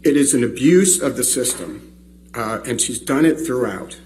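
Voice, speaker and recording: A man's voice: medium pitch, animated, moderate pace, a little mellow, rough recording. Emphatic male trial lawyer, faint hum. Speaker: trial attorney arguing a motion. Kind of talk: courtroom legal argument. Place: courtroom. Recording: faint hum and background noise.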